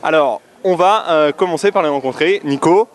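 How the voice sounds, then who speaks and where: High-pitched male roving reporter. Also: normal speed. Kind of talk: live on-location interviewing. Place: outdoor city street market.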